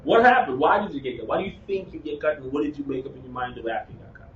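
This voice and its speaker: A man's voice: mid-range voice, expressive, rapid-fire. A man hosting a casual sports interview, chatty, with lots of fillers and repeated words. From Bahamas. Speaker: interview host. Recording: roomy, distant, dull with faint noise.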